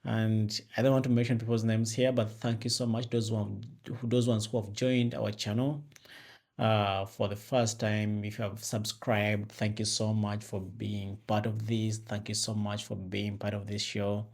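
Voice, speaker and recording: The Ugandan vlogger speaks informally to his camera through an external mic into a phone, his accented talk full of fillers and restarts. He's a young man with a lowish, darkish voice, showing little pitch movement and speaking a little slowly.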